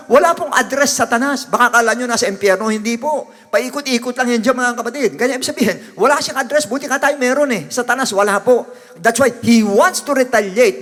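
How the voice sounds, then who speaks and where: A Filipino man preaching from the pulpit with a fairly high voice for a man. He shifts between English and Tagalog and stretches out the scripture lines. His words ring with a long reverb from the sanctuary. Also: a bit bright. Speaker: pastor. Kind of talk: sermon. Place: church sanctuary.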